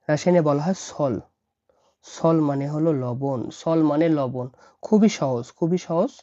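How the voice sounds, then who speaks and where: Woman language tutor, deep and mellow, patient letter-by-letter explainer, lo-fi sound. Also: no room sound. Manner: spells words out letter by letter, repeats each word. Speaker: language teacher. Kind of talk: slow explanatory lesson. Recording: dull lo-fi dry recording.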